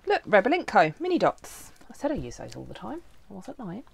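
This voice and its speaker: A woman's voice: mid-range voice, wildly swooping pitch, fairly quick, vocal fry, slightly rough. A woman, a planner vlogger, chatting casually and swearing freely as she talks through setting up her planner at her crafting desk.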